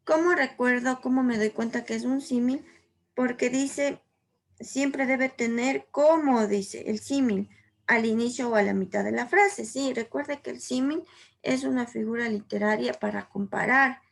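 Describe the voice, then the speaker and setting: Female teacher, fairly high gravelly voice, patient classroom explainer who keeps checking students follow. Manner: repeats "por favor" and "¿sí?", explains slowly with examples. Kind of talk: online lesson on literary figures.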